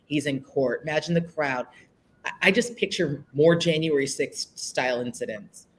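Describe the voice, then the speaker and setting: A woman's voice: low voice, normal speed. A woman panelist giving casual political commentary in a conversational way, often checking in with her listeners.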